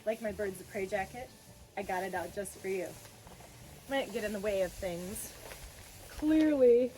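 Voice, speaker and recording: A woman's voice: medium pitch, a little slow, dark tone, faint music behind, rough recording. A woman hosting a children's lesson, talking playfully and directly to the kids watching. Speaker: children's educator and show host.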